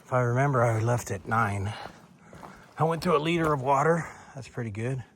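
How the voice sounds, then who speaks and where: An older man with a drawl talks into a handheld camera on a forest trail. His voice sits mid-pitched, and he rambles in a folksy way as he hands out friendly advice. A faint noise runs under the outdoor recording. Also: a little fast, a bit bright. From Texas. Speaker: hiker vlogger. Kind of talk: casual trail vlog.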